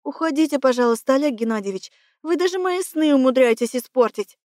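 A woman voicing a feverish young woman who sounds hoarse and indignant in an audiobook. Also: high-pitched, lively intonation, a little fast, darkish tone, no echo, studio quality. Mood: sulky. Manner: indignant, rising outbursts.

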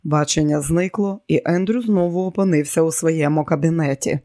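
A man's voice: a little high, normal speed, warm tone, dry recording. Man narrating an audiobook, dry sound.

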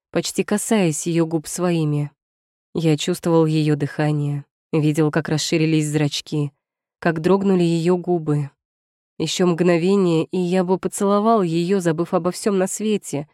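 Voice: mid-range voice, dark tone, no echo, clean studio sound. An audiobook narrator reading a first-person romance in a tense, brooding, dramatic way.

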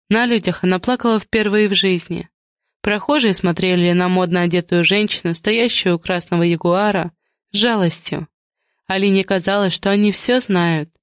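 A woman narrating an audiobook in a measured, even storytelling manner. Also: lowish voice, clear, resonant tone, no room sound, studio quality. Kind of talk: scripted narration.

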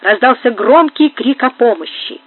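A woman's voice: a little high, lively intonation, normal speed. A woman reading a period novel aloud as an audiobook, telling it dramatically. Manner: dramatic storytelling. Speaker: audiobook reader. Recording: tinny phone-like sound.

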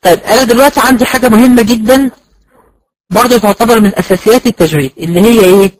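Man with an egyptian accent, fast lecture, high voice, asks himself questions, dry close sound. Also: no echo, rough recording. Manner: explains step by step, asks and answers own questions, sounds out letters. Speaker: Quran recitation teacher. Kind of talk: recorded lecture.

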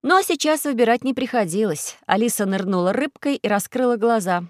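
A woman narrating a children's audiobook in a steady, clear storytelling voice. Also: on the high side, brisk, dry recording, clean studio sound.

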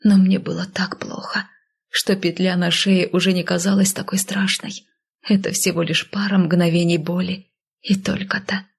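A woman narrating a first-person audiobook in a breathy, half-whispered, emotional telling. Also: fairly low pitch, level tone, moderate pace.

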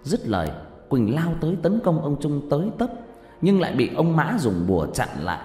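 A man's voice: a little high, moderate pace. Dramatic male horror storyteller. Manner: dramatic, expressive delivery. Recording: echoey reverb with background music.

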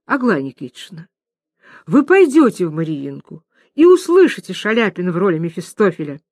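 A woman voicing a timid, lovestruck male professor who speaks softly and slowly, with breathless adoration. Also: high-pitched, sing-song, dry recording, clean studio sound, full character voice. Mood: eager. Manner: soft-spoken, drawn-out, breathless adoration.

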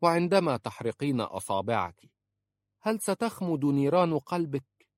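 A man voicing a sharp-tongued older woman who scolds and protects a young woman, with a sarcastic, blunt manner. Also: fairly high pitch, very animated, normal speed, no room sound, pitched above the performer's own voice. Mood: scolding. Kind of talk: audiobook character voice.

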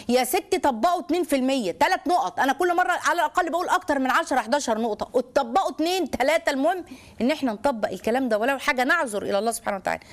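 An Egyptian woman hosting a call-in advice show, talking fast and animated in a preachy, motherly way from a studio. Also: high-pitched. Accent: Egyptian Arabic. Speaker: host answering callers. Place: radio studio.

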